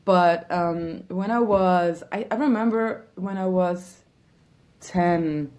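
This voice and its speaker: A woman's voice: lowish voice, slow, darkish tone. A woman from Germany, a musician guest answering interview questions reflectively and searching for words.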